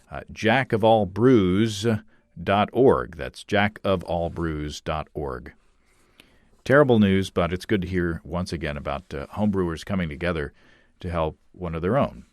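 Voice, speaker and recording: A man's voice: sits low, dry recording, clean studio sound. A man hosting a podcast, reading listener notes aloud in an easygoing, chatty way. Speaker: podcast host.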